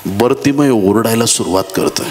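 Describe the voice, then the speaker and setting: A man preaching a dramatic sermon in a church, dropping to low murmurs and rising to high shouted appeals. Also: moderate pace. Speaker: pastor. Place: church hall. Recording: echoey hall with faint background noise.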